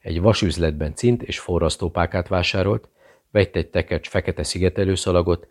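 A man with a notably low voice reads a thriller audiobook. His delivery is steady and measured, plain scripted narration.

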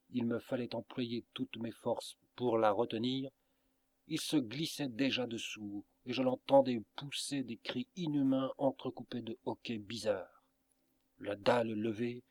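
A man reading a storybook aloud as narrator, in a measured, dramatic manner. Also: mid-range voice, darkish tone, no echo. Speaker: audiobook reader.

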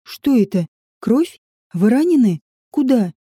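A woman voicing a bold, commanding young huntress who scolds sharply in quick exclamations, in an audiobook. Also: a little high, very animated, warm tone, slightly rough, no room sound, studio quality, full character voice. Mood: alarmed.

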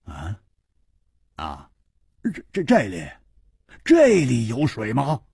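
A man's voice: medium pitch, huge pitch swings, slow, mellow, breathy edge, no echo, studio quality, exaggerated voice. A male storyteller voicing a boisterous, self-mocking swordsman who stammers and jokes, in a storytelling radio performance. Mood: flustered joking.

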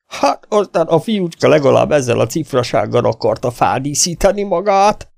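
A man voicing a loud, bull-necked saloon bully who jeers and shouts. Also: on the high side, big pitch swings, vocal fry, pitched above the performer's own voice. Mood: jeering.

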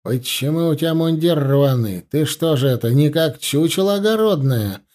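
A man's voice: a little high, animated, moderate pace, a little mellow, natural voice. Man doing a barking, scornful young ensign. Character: stern strict young male ensign officer.

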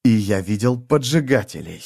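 A wry young swordsman, read by a male narrator close to his own voice, terse and dry. He drops his voice to hushed, clipped threats. The lines come out level and wary, never loud. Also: fairly low pitch, animated, moderate pace, gravelly.

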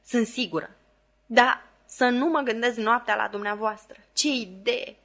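A woman's voice: on the high side, lively intonation, a bit bright, voice pushed up. A woman reading an audiobook, voicing Camila, a fragile, self-pitying lady who sighs and drags out her complaints. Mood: plaintive. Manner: plaintive, sighing, drawn-out.

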